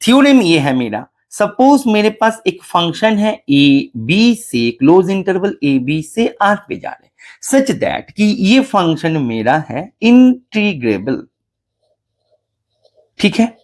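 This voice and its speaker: Lively man teaching math. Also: sits high, slow. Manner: explains step by step, addresses students as beta, mixes English terms. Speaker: mathematics teacher. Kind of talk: exam-solution math lecture.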